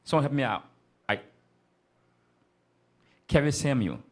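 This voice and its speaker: Brief: male Bible class teacher, emphatic and repetitive, mid-pitched voice, keeps calling for verses to be read again. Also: sing-song, measured pace. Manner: emphatic, repetitive, prompts the reader often. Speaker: teacher leading a scripture class. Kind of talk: street-corner style Bible class teaching.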